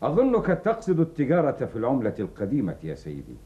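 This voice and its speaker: An actor playing a deferential, obsequious official in charge of the mint. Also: male voice, medium pitch, huge pitch swings, quick pace, muffled recording. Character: smooth, deferential master of the mint.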